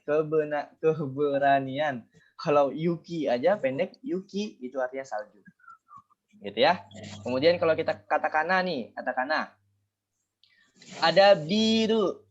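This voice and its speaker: A man's voice: fairly high pitch, normal speed, muffled recording. A man teaching a Japanese class online, explaining step by step and often correcting himself.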